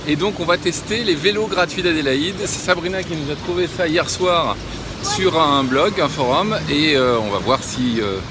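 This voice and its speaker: A man's voice: a little high, moderate pace, background noise. A man from France presenting a travel vlog, talking casually to the camera and addressing his viewers. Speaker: family travel vlogger.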